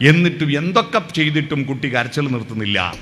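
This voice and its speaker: A spiritual speaker with a Kerala Malayalam accent gives a devotional talk in a mid-range, fairly bright voice, quick and lively in intonation. He tells stories, poses rhetorical questions, and breaks into snatches of sung hymns.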